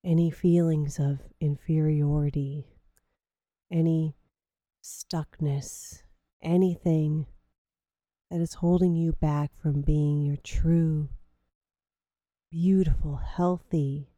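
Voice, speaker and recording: A woman guides a meditation in a low, deeply mellow voice, drawing each phrase out slowly and softly. The recording is dry and close, with no room sound around her. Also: steady tone, no echo. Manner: slow, soothing, drawn-out phrasing.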